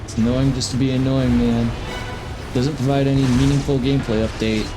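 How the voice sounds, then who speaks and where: A man's voice: medium pitch, level tone, a little fast. A man chatting casually as a VTuber while he plays a game on a live stream, talking to his viewers. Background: game music.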